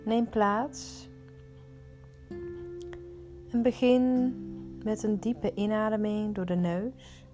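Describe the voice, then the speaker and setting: A woman leading a guided meditation, giving soothing, unhurried instructions with pauses. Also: medium pitch, fairly even intonation, over music.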